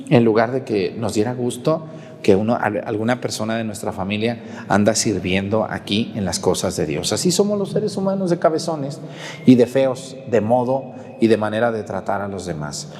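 A man's voice: mid-range voice, dark tone. A man with a Mexican accent, a priest giving a sermon in a conversational way, often putting questions to his congregation. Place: church. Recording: long hall reverb in a church.

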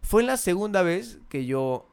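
A man, hosting a podcast and telling a story in an animated way, acting out the voices of the people in it. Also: sits high, moderate pace, creaky, clean tone. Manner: animated, acts out quoted voices. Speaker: podcast host. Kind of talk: casual storytelling.

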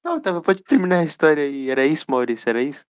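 A man's voice: a little high, very animated, rapid-fire, no room sound. A young man hosting a casual podcast among friends, teasing the others and swearing freely. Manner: teasing, swears freely, laughs at his own jokes. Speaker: podcast host.

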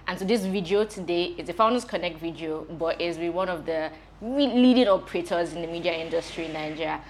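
A woman hosting a podcast interview, chatty and quick to laugh. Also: fairly low pitch, slight background noise. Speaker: podcast host. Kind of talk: casual interview.

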